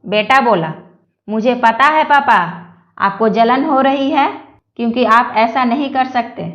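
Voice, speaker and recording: A woman reading a string of jokes aloud, one after another, in an even manner. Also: fairly high pitch, a little slow, echoey room. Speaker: joke reader.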